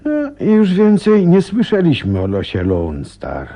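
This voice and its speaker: An actor playing Dr Watson, a detective's loyal, curious and reflective companion, in a Polish radio drama, with a measured, attentive manner. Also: male voice, fairly high pitch, huge pitch swings, loud music behind the voice. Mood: reflective, solemn.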